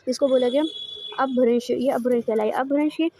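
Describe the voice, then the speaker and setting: A woman's voice: high-pitched, steady tone, mellow. A woman giving an online lecture, asking rhetorical questions, answering them herself, and repeating each point in new words. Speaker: teacher. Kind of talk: online lecture explaining course notes.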